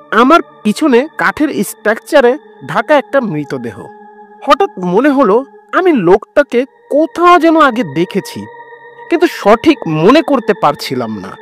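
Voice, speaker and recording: Over music, a man with a very high, slightly bright voice narrates a suspenseful, dramatic first-person horror story. He speaks as a frightened, weary ambulance driver recounting his own tale.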